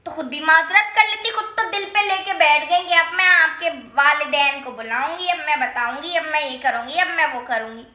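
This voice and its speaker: A woman's voice: high-pitched, hardly any pauses, sharp tone. A woman playing a cheeky schoolgirl daughter who argues back in prim, overly formal words in a comic skit. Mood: indignant. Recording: roomy echo.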